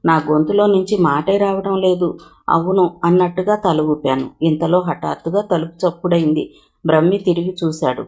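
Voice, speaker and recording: A woman's voice: on the low side, a little mellow. A woman narrating a romance novel in first person, reading with emotion as the heroine. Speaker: storyteller.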